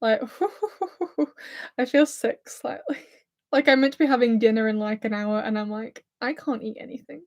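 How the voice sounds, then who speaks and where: With a steady tone, a voice on the high side and a normal speaking speed, a woman in her twenties hosts a YouTube livestream. Her accent combines Lancashire and Scouse, she's from near Blackpool, England, and she reads viewer comments while chatting nervously and giggling.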